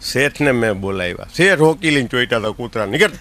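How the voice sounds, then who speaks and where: A man with a Gujarati accent telling a folk comedy story, slipping into quick voices for the people in it. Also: medium pitch. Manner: lively anecdotal telling with put-on voices for characters. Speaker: comic storyteller.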